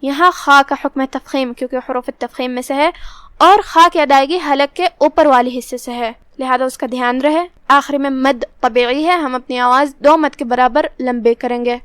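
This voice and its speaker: A woman teaching Quran recitation rules, explaining each point step by step in a steady teaching manner. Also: high voice, clear, resonant tone, no echo. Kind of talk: tajweed lesson.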